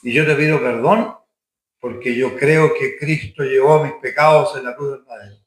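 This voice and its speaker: A man's voice: medium pitch, fairly even intonation, normal speed, reverberant, poor audio. A man preaching a Sunday school sermon in a church, firm and full of rhetorical questions.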